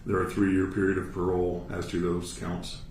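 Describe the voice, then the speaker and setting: A man with an American accent speaking as a judge, giving a formal sentencing statement in a measured, matter-of-fact, authoritative way. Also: deep voice, monotone, darkish tone. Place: courtroom. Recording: echoey room, distant mic, faint noise.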